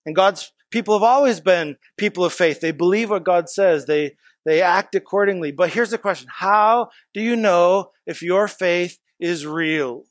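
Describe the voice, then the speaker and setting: A male pastor with a high voice gives a conversational sermon to his congregation. He talks in a folksy way, full of stories and casual asides. The sound is dry and close. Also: moderate pace, few pauses, no echo. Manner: chatty, folksy storytelling with asides.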